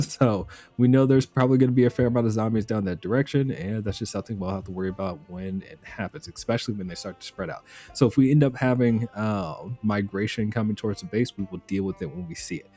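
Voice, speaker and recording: A man giving relaxed, chatty live commentary while streaming a survival game, laughing often. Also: on the low side, quick pace, hardly any pauses, soft background music.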